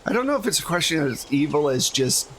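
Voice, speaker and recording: With a fairly high, fairly bright voice, a game master talks fast and swings widely in pitch as he explains rules and scenes during a casual tabletop actual-play narration. His tone is conversational. The audio is poor, with a little hiss or hum.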